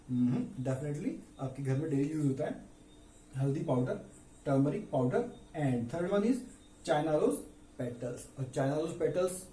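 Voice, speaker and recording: A man's voice: on the high side, dark tone, roomy sound, distant mic, slight background noise. A man teaching a science class, explaining step by step, repeating key words and asking the class questions. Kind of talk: classroom lecture in Hinglish.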